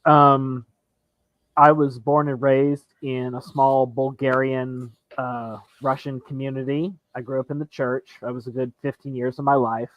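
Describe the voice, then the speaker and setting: A man as a guest in a casual conversation, polite and measured. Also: mid-range voice, flat delivery, dry recording, muffled recording.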